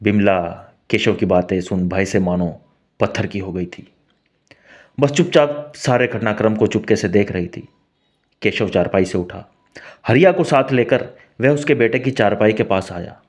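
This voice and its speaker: A man's voice: on the low side, a little slow, a little mellow. A man narrating a scripted folk story.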